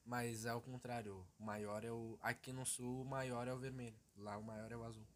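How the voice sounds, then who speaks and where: A man with a southern Brazilian gaúcho accent co-hosts a casual podcast. He delivers wry jokes deadpan, at a middle pitch, letting his lines trail low. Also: normal speed, a little hiss or hum. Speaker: podcast co-host. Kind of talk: casual chat.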